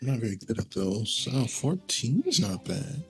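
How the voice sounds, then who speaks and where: A man's voice: medium pitch, sing-song, moderate pace, faint music behind. A man playing in a tabletop game, speaking curtly and tersely. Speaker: player.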